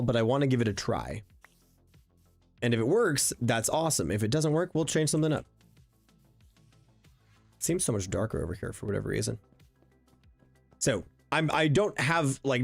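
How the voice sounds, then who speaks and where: A young man thinking aloud while streaming a block-building game, chatty and full of fillers, answering viewers as he plays. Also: mid-range voice. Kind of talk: casual live-stream gameplay commentary. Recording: faint background music under the voice.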